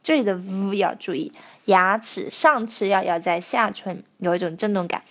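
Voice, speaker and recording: Going through a song one line at a time, a young woman explains every sound and sings brief phrases slowly as examples. Her mid-range voice has a fairly bright tone.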